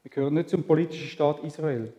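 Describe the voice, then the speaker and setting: A man's voice: fairly high pitch, fast, mellow, lo-fi sound. A man with a Swiss German accent preaching a sermon in a conversational way, asking rhetorical questions. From Switzerland. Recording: echoey hall with long reverb.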